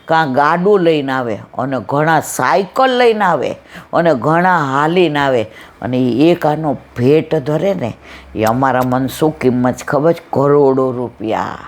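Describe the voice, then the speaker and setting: A woman's voice: deep voice, expressive, a little slow. A woman giving a devotional satsang talk. She tells stories from her memories and acts out what people said. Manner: reminiscing, quotes people in little voices. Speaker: satsang speaker.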